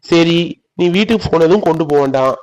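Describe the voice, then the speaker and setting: A hurt young man in a cartoon who sulks and then coaxes, voiced by a man. His voice sits a little high, and he pushes his point with insistent, pleading persistence. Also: animated, fast, darkish tone, highs cut off, lightly acted. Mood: coaxing. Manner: sulky, pushy, coaxing. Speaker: cartoon voice actor. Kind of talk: animated village drama voicing.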